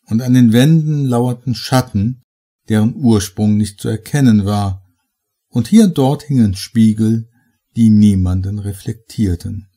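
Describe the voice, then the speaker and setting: A man reading a horror story aloud as narrator, slow and measured. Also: fairly low pitch, warm tone. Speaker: audiobook reader.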